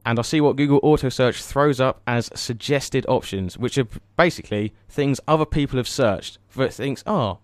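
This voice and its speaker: A young man from England hosting a casual podcast chat, joking and teasing quickly. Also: medium pitch, no echo, clean studio sound. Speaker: podcast host.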